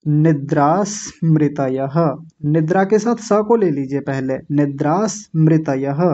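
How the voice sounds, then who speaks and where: Patient man drilling pronunciation slowly. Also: on the high side, mellow, highs cut off. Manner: repeats words slowly, syllable by syllable, with corrective asides. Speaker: Sanskrit pronunciation teacher. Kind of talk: slow patient classroom instruction.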